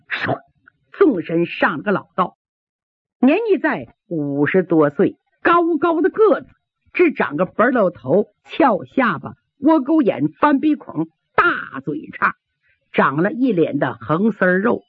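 Lady storyteller, super animated pitch, acts out sound effects, tinny radio. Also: breathy edge, dry recording. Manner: dramatic, sound effects, rhythmic listing. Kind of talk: traditional Chinese pingshu storytelling. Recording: tinny old radio broadcast.

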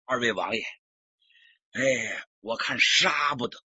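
Guy doing a careful officer, quiet and persuasive, husky voice, lo-fi sound. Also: medium pitch, takes it slowly, no room sound, pitched below the performer's own voice, heavily acted. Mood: deferential. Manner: soft, persuasive, deferential. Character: cautious male army officer, reasoning and deferential. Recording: dull lo-fi recording.

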